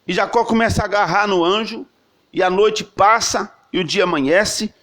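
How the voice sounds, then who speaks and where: A man's voice: sits high, normal speed, a bit bright. A man preaching a sermon as a pastor, telling the story vividly and emphatically.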